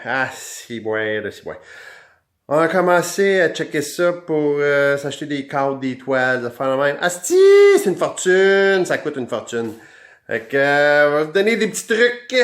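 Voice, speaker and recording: A man's voice: on the high side, measured pace, a bit bright. A man with a Québécois accent and an electronically altered voice, chatting casually through a do-it-yourself demonstration as the show's host. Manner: chatty, talks directly to viewers. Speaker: DIY show host. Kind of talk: casual how-to explanation.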